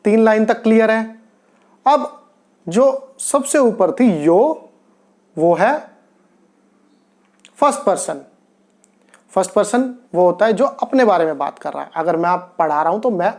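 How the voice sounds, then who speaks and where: A man teaching a grammar lesson step by step, deliberately repeating key words for his learners. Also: high-pitched, expressive. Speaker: Spanish teacher.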